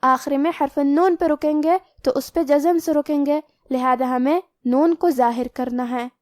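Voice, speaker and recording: High-voiced woman teaching Quran recitation. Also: steady tone, a little mellow, dry recording, studio quality. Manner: methodical, explains each rule then recites the word slowly. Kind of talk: tajweed lesson, explaining letter rules.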